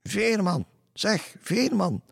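A man voicing a female water spirit with a shrill, thin voice, calling out eerily in a storybook reading. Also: very animated, takes it slowly, creaky, husky, no echo, studio quality, exaggerated voice. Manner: wailing, repetitive calls.

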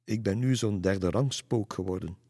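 A man's voice: fairly low pitch, normal speed, warm tone, breathy edge, dry recording, clean studio sound. A man voicing a boastful, wolf-faced male evil spirit in a storybook reading, with a growling, blustering manner. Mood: sulky.

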